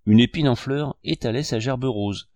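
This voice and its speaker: A man narrating a classic novel as an audiobook, in a measured, expressive reading. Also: mid-range voice, no room sound.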